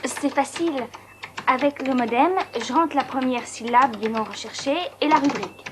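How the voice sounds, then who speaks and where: A woman's voice: high-pitched, moderate pace, background noise, natural voice. A woman dubbing an eager, lonely young patient. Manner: eager, confiding. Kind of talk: French film dub.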